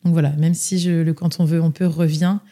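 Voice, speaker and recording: Here a young French woman, a guest in an interview, recounts her own story chattily, often restarting and using fillers. She talks briskly in a deep, warm voice with little pitch movement.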